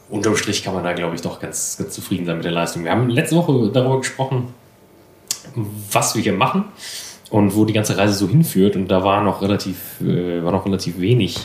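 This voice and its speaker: A man's voice: on the low side, echoey room. A man co-hosting a casual podcast chat, rambling and self-deprecating with many fillers. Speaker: podcast co-host. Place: apartment room.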